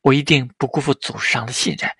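A man's voice: medium pitch, quick pace, gravelly, fairly bright tone, slightly rough, no echo, studio quality, full character voice. A man voicing a young male doctoral student who speaks in a polite, deferential, cautious way.

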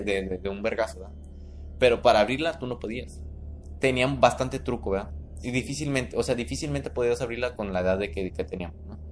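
A man with a Mexican accent tells an eerie story in a relaxed podcast chat. His voice sits at an ordinary pitch, and he keeps checking in with his listener. Faint music plays behind him. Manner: tells a spooky tale, checking in with "¿no?" and "¿verdad?".

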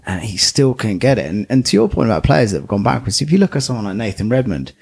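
Deep-voiced man in football chat. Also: sing-song, fast talker, gravelly, a little mellow, breathy edge. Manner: chatty, lots of fillers. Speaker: podcast co-host.

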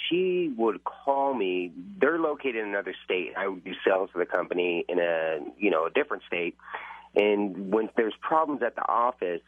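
A man talks through a telephone line, and the sound is narrow and tinny. His voice sits a little low and sounds close and dry. He rambles hesitantly through his question and fills pauses with uh and um. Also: dry recording. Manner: hesitant, rambling, with many fillers. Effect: heard through a telephone line. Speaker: caller to a radio advice show. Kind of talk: phoned-in question.

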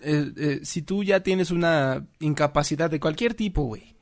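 With a little height to his voice and a moderate pace, a young man with a Mexican Spanish accent narrates a story. The chat is casual and slangy, and he delivers it with laughter and lots of animation.

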